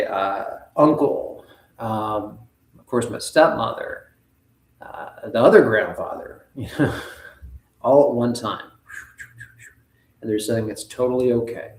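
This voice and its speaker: A man hosting a live spiritual talk, speaking in an earnest, halting, rambling way. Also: fairly low pitch, roomy sound. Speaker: spiritual livestream host.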